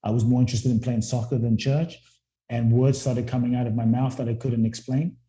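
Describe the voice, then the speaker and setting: A man of Ghanaian birth and London upbringing speaks as a guest, sharing his story in an earnest, reflective way and repeating words at sentence starts. His mid-range voice is mellow and level, fairly quick, with a roomy echo around it.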